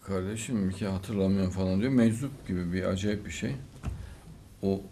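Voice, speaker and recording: A man hosting a studio talk show, handing out religious blessings and praise in unhurried, drawn-out phrases. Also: low voice, steady tone, dark tone, a little hiss or hum. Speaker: host.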